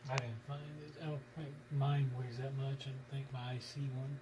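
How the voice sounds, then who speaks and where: Through heavy background noise, a man chats casually with others. His pitch is ordinary for a man and his talk is informal. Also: level tone, a little fast. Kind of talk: casual hobby chat.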